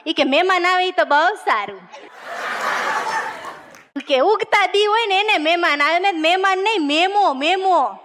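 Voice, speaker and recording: Woman comic, bright high voice, chatty joke-telling, reverberant hall. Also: expressive, normal speed, long pauses, background noise. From Gujarat, India. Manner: chatty storyteller acting out dialogue. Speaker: comedian.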